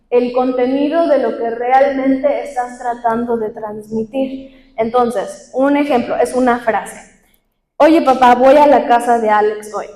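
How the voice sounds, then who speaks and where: A woman's voice: fairly high pitch, mellow. A woman presenting a communication workshop, asking the audience questions and acting out everyday examples. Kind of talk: leadership and communication workshop talk. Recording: echoey hall with long reverb.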